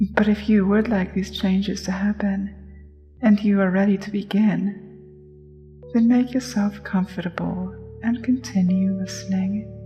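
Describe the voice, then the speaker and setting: A woman narrating a scripted guided hypnosis in a soft, soothing, measured way. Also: medium pitch, long reverb tail, highs cut off. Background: music.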